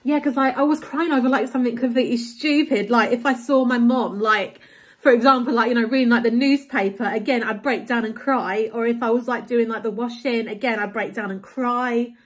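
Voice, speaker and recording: A woman's voice: fairly high pitch, steady tone, brisk. A woman talking casually at home into a handheld phone, rambling, with lots of "like" and "you know". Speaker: vlogger. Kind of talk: casual confessional vlog. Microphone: handheld phone camera.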